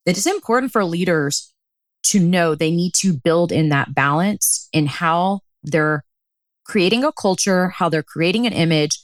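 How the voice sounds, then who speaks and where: A woman's voice: on the low side, lively intonation, a little slow, no room sound, clean studio sound. A woman hosting a conversational interview, speaking earnestly and emphatically in long winding sentences. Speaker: interview host.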